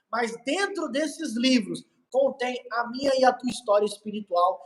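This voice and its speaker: A man's voice: very high voice, low-quality recording. A man with a Brazilian accent, a pastor preaching on a live stream in an emphatic, repetitive way.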